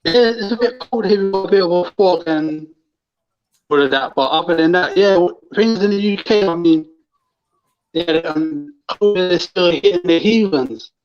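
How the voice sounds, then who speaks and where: A high-voiced man stammers and repeats his words over a choppy conference call from his cell phone. The line sounds muffled, and faint music plays behind him. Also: moderate pace, a little mellow. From United Kingdom. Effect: choppy conference-call audio from a cell phone. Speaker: guest caller on an online panel. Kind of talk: casual chat.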